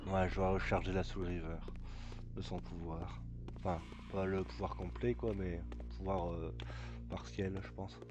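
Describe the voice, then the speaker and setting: A man's voice: low-pitched, little pitch movement, measured pace. A man giving casual gameplay commentary, hesitant and thinking aloud as he goes. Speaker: let's play gamer. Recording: loud game music underneath. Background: loud game music.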